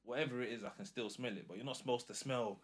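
A man with a London roadman accent, casually telling an animated story in slang and acting out the dialogue. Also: mid-range voice, fast. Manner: slangy, acts out quoted dialogue.

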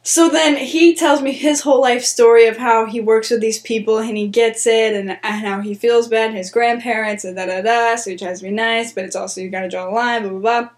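A woman's voice: on the high side, fairly even intonation, brisk, few pauses. A woman in her twenties, a podcast co-host, telling a work story in casual chat and laughing often. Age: 20s. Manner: giggly, laughs often while telling stories.

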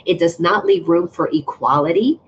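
A woman's voice: on the low side, moderate pace. Earnest woman with a muffled lo-fi sound. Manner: earnest, flowing, emphatic about spiritual ideas. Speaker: spiritual teacher guest. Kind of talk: casual spiritual conversation. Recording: muffled lo-fi audio with faint noise.

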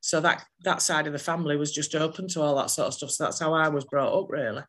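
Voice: mid-range voice, quick pace, a bit bright. A speaker in a casual chat, explaining things in a conversational way.

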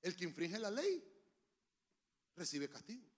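A man preaching a sermon, emphatic and humorous, with sudden shouts, into a handheld microphone. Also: high-pitched, wildly swooping pitch, a little slow. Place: church.

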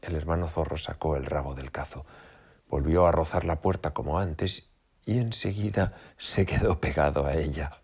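Narrador grave de voz ronca. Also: male voice, very deep voice, moderate pace, slightly rough. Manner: calm, even narration. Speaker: storyteller. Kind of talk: children's story reading.

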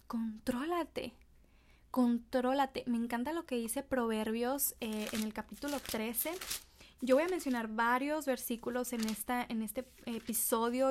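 Earnest woman giving a devotional talk. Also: a little high. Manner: earnest and encouraging, addressing listeners directly. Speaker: podcast host.

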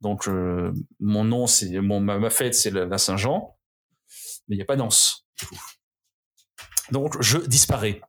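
A man from France co-hosting a podcast, chatting casually with many halting restarts. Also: fairly low pitch. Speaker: podcast co-host. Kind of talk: casual chat. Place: abroad in Quebec, on a call.

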